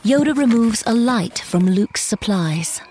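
A woman's voice: a little high, animated, measured pace, dark tone, a little hiss or hum. Woman narrator reading stage directions. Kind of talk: scripted narration.

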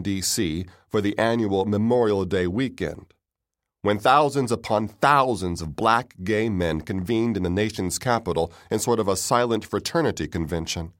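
Low-voiced man reading a story. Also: no room sound, clean studio sound. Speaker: audiobook narrator. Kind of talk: first-person audiobook narration.

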